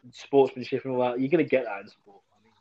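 A quick-talking man chats about football over a remote call. His audio glitches and cuts out. The line sounds muffled and lo-fi. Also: mid-range voice, fairly even intonation, noisy background. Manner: quick, casual, repeats himself while checking he can be heard. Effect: glitching, cutting-out call audio. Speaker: podcast co-host. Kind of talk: casual football chat.

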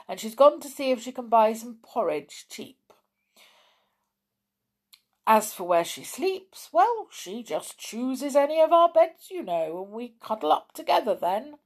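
A woman's voice: a little high, pitched above the performer's own voice, full character voice. A woman doing a homely father bear.

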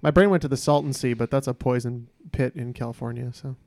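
Halting man thinking aloud, very dry sound. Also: mid-range voice, fairly even intonation, creaky, darkish tone, no room sound. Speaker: trivia show panelist. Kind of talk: casual chat.

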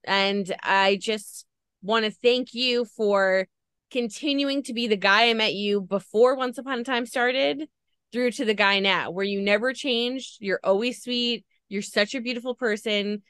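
A woman's voice: fairly high pitch, unhurried, fairly bright tone, clean tone, no room sound. A woman hosting a podcast interview, talking in a gushing, effusive way. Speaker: podcast host. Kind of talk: emotional interview chat.

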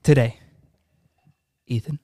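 A man's voice: slow pace, warm tone, no room sound. A man hosting a podcast in a studio, chatting loosely with guests, joking and swearing freely. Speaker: podcast host. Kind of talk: casual podcast chat.

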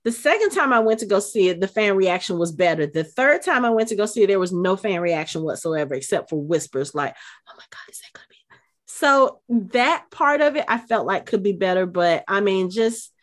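A woman's voice: mid-range voice, lively intonation, moderate pace, few pauses. Gushing middle-aged woman podcaster. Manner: gushing, emotional, many fillers and restarts. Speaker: podcast co-host. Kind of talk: casual podcast chat.

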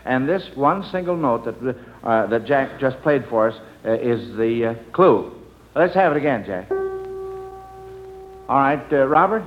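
A man with a mid-range, animated voice hosts an old-time children's radio quiz at a measured pace, chuckling and patiently prompting the young contestants. The recording is dull and noisy, like an old radio broadcast.

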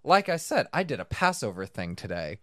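A man's voice: mid-range voice, big pitch swings, a little fast, pushed and bright, dry recording, studio quality. Joking man in casual chat. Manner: joking, rambling.

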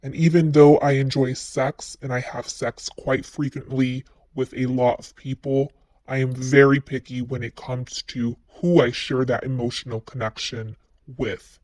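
A man with a disguised voice, played back from a voicemail, calmly and frankly reading a personal confession. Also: medium pitch, unhurried, dry recording. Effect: disguised voice, masked by a voice changer. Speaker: listener leaving a voicemail.

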